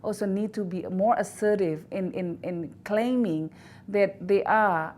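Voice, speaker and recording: An Indonesian woman, director of an institute, answers questions as a guest in a recorded news interview. She speaks with an Indonesian accent and a medium, slightly mellow pitch, halting often with fillers and restarts.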